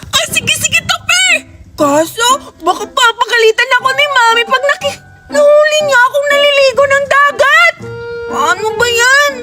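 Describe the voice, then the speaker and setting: A woman voicing an excitable little girl in a cartoon, gushing and sometimes whiny. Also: very high-pitched, measured pace. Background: background music.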